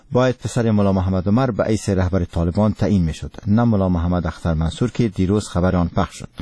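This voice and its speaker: Male radio newsreader, Afghan Dari accent, solemn, formal, dark relaxed tone, scripted delivery, dry studio sound. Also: on the low side, dry recording. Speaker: radio news presenter. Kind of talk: scripted radio news reading.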